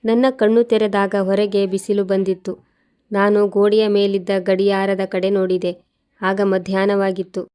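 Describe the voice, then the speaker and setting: Flat, mellow-voiced woman storyteller. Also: mid-range voice, normal speed, smooth. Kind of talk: scripted first-person story narration.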